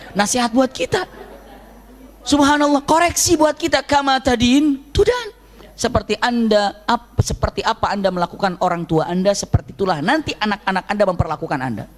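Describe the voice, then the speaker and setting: Lively high-voiced man preaching. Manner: lively storytelling, acts out quoted voices, frequent laughter. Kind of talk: sermon.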